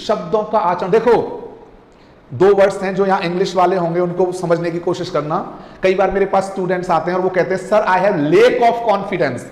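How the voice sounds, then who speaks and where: A man from India lectures on communication in a fairly high voice. He hammers his points home by repeating words and asking rhetorical questions, and he switches freely between Hindi and English. The sound rings with a long, roomy reverb. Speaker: communication coach. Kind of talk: online class lecture. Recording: echoey room with long reverb.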